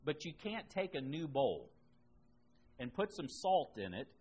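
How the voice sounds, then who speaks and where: A man's voice: on the high side, big pitch swings, unhurried, darkish tone, a little hiss or hum. A man teaching a Bible class in a conversational way, reading scripture aloud and then explaining it with asides.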